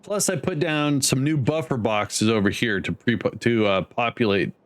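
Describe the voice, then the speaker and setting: Streamer, male, relaxed meandering commentary, average pitch, plenty of fillers. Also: normal speed. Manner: rambling, thinking aloud with many fillers. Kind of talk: casual gameplay commentary.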